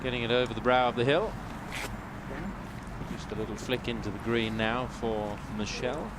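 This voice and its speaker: A man's voice: mid-range voice, normal speed. A man doing live golf commentary with brief remarks on shots and players. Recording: loud crowd and outdoor noise.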